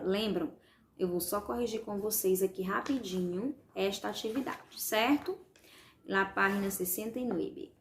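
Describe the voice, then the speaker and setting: A Brazilian woman teaching Spanish in a recorded class, explaining step by step, slowly repeating words and checking in with her students. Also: medium pitch, reverberant. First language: Portuguese. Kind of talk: recorded online class, correcting exercises.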